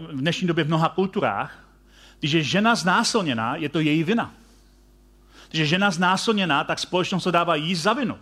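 A male preacher with a rather high voice tells a story in sermon form. He turns to his listeners with direct questions and often restarts or repeats his phrases as he goes. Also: sharp tone.

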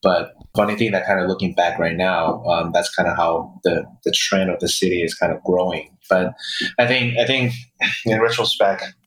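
A man's voice: deep voice, normal speed, fairly bright tone. A middle-aged man from Taiwan and the United States answering interview questions as a guest, explaining things in a wordy, circling way. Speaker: guest, chef and restaurant owner. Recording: echoey, distorted remote podcast recording.

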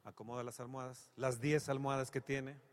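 A man preaching a sermon, dramatic and humorous, swinging from hushed passages to loud exclamations. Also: medium pitch, level tone, brisk, slight background noise. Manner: humorous storytelling. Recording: long reverb from a large hall.

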